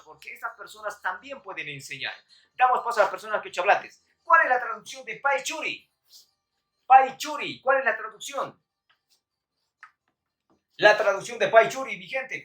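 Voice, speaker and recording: A woman with a higher voice leads a live Quechua lesson and quiz, calling out to her viewers in a lively way. She sounds set back from the mic in an echoey room, with faint music underneath. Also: recorded from a distance. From Bolivia. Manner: lively, calls out to viewers, counts down. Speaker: Quechua teacher on a live stream.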